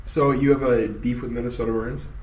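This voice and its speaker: A man's voice: medium pitch, steady tone, brisk, darkish tone, recorded from a distance, a little hiss or hum. A teenage boy from Wisconsin chatting bluntly and rambling in a casual talk. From Wisconsin, USA. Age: teens. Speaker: YouTube gamer. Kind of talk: casual chat. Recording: roomy, off-mic with faint crowd.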